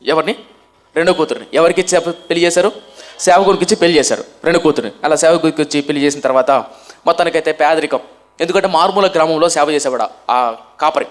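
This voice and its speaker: Fast-talking Telugu preacher, emphatic. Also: male voice. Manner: repeats questions to the congregation and answers them himself; swings between loud emphatic bursts and soft low passages. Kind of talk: sermon storytelling.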